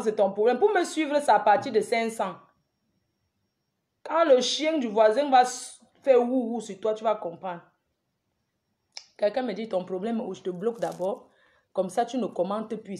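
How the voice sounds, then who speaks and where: Woman chanting rallying calls on a live stream. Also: a little high. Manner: chanting repeated rallying calls, shouting names of viewers; emphatic, scolding asides. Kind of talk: live stream address to viewers.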